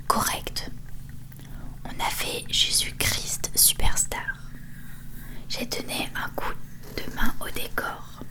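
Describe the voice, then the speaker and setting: Woman in a hushed library whisper. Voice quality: soft unvoiced whisper, like a library whisper. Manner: hushed storytelling with self-corrections. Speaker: ASMR host reading a novel aloud. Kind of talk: whispered ASMR book reading. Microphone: close to the microphone.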